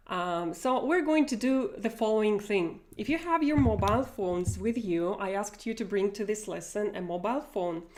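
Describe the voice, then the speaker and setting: Her voice is mid-range and a little mellow: a woman in her forties with a Russian accent, running a live online language class from a bookshelf-lined room at home. She chats in a friendly way, laughs frequently, and leans on many fillers, all through a wired earphone mic.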